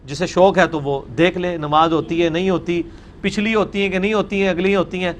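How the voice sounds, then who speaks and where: Man, religious lecturer, high voice, scornful, argumentative. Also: fairly even intonation, a little hiss or hum. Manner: mocking, argumentative, mimics opponents.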